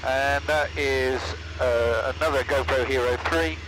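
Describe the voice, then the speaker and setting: A man in a small plane in flight, calmly explaining his camera setup over a headset intercom. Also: medium pitch, measured pace, noisy background. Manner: matter-of-fact, explanatory. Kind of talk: explaining while flying. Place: small aircraft cockpit in flight. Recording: cockpit intercom over engine drone.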